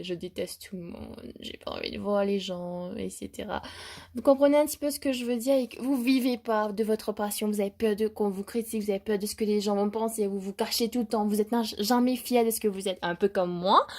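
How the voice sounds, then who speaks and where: A young woman vlogging casually while travelling, chatty and excitable, who laughs often, mixes in English words and trails off mid-thought. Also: a little high. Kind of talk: casual motivational vlog. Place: travelling in South Africa.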